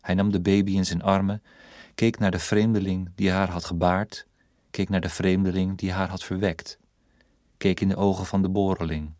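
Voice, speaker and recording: A man reading a literary story aloud as narrator, in a measured, even storytelling manner. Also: sits low, dry recording, clean studio sound. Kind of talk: audiobook narration.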